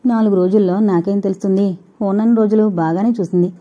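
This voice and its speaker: A woman voicing a patient young wife who speaks softly and pleads. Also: medium pitch, steady tone, quick pace, dull audio, close to an everyday voice. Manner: soft, pleading.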